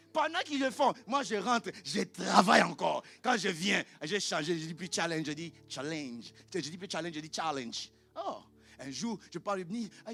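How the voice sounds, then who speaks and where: High, bright-voiced impassioned preacher man. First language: Lingala. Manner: impassioned, often shouting. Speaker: pastor. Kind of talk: sermon.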